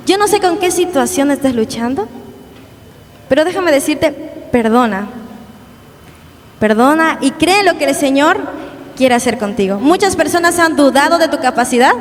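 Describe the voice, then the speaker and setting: A young woman preaching a sermon at a youth service, earnest and repetitive, often asking the congregation questions. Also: sits high. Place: church hall. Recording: long church hall reverb, faint background noise.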